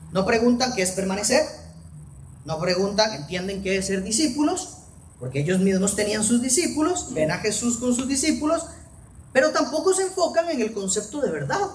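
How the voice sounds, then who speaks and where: A preacher delivering a sermon on a Bible passage in an animated way, swinging between soft low asides and raised, emphatic phrases. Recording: echoey room picked up from a distance with faint background noise.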